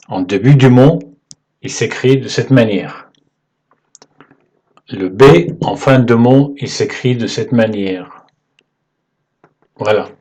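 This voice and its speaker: A man teaching the alphabet in French, patient and halting, often checking in with "ok?" as he writes. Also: medium pitch, darkish tone. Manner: slow, halting delivery with fillers. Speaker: Arabic teacher. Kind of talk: whiteboard lesson explaining letters.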